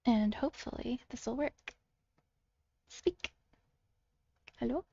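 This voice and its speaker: A woman's voice: a little high, slow, gravelly, dark tone, muffled recording. A tired, sleepy-sounding woman hosting a casual voice call, hesitant and full of ums and restarts. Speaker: video creator hosting a call.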